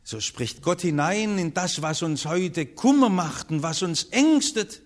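A man delivers a sermon in a high, unhurried voice. He speaks earnestly and swings between hushed, low passages and loud, rising ones. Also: lively intonation. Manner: earnest, with strong rises and falls in pitch and loudness. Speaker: preacher.

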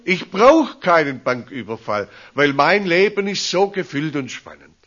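A male pastor delivers a storytelling sermon at an unhurried, deliberate pace. His voice leaps and falls in lively swings. The recording is muffled and lo-fi. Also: on the high side. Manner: slow, deliberate, animated rises and drops. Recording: dull lo-fi recording.

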